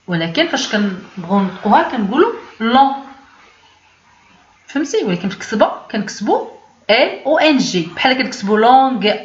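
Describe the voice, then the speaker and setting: A Moroccan-accented woman gives a beginners' lesson, her higher voice rising and falling as she repeats each word for the learner. She explains patiently in a teacher's cadence. The sound is echoey and slightly dull, like a lo-fi recording in a bare room. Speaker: French teacher. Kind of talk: language lesson.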